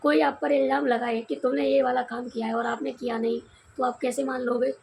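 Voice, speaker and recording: Hoarse, gravelly Indian woman vlogger. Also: sits high, flat delivery, a little fast, a little mellow, a little hiss or hum. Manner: confiding storytelling to viewers. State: hoarse from crying and shouting. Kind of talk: casual vlog chat.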